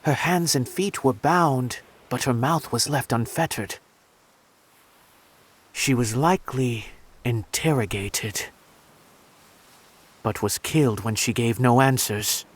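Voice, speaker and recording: An actor voices a courteous, composed and analytical male detective in a video game, using formal, deliberate phrasing in a mid-range voice.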